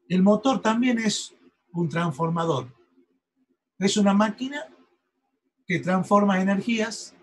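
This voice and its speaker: Husky high-voiced male engineering lecturer. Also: rough recording. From Argentina. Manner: explanatory, checks in with students often. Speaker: university lecturer.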